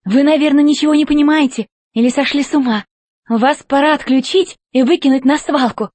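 A woman's voice: sits high, brisk, darkish tone, dry recording, pitched above the performer's own voice, lightly acted. A woman voicing a bold, defiant young girl who speaks firmly. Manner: firm, defiant.

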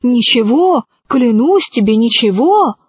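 A woman's voice: a little high, expressive, measured pace, a little mellow, slightly rough, dry recording, full character voice. A woman voicing a devoted male archaeologist. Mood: earnest.

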